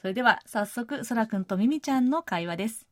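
A woman radio host chats in a studio in a friendly, easygoing way, reading listener letters and using many fillers. Her voice is on the high side, a little fast, with lively intonation, and the recording is dry.

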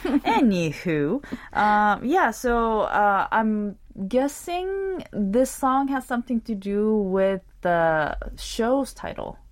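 A woman's voice: mid-range voice, sing-song, takes it slowly. A woman guest on a radio show, talking casually about songs, often laughing and rambling with fillers. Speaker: music commentator, regular guest.

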